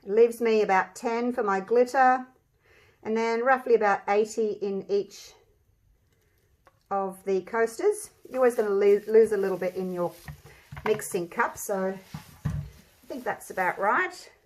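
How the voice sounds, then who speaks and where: A woman's voice: medium pitch, unhurried, long pauses. An Australian woman giving a casual, chatty craft demonstration, thinking aloud, her voice slightly muffled by a mask over her mouth. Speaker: craft tutorial host. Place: indoor craft table.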